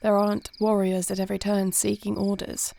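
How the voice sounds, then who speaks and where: A woman acting as a dragon-shifter warrior princess, formal, gentle, even intonation, creaky edge, intimate audio roleplay. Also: mid-range voice, a little hiss or hum, natural voice. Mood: relaxed, wry. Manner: formal, measured speech.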